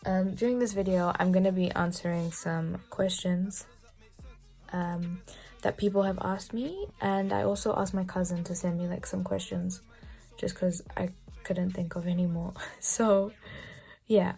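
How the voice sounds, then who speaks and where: A young woman in her early twenties talks through a makeup tutorial in a relaxed, chatty way, often dropping to a soft half-whisper. Her voice sits fairly low and has a noticeable vocal fry. Faint music plays quietly behind her. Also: measured pace. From England. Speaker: beauty vlogger. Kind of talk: casual makeup tutorial chat.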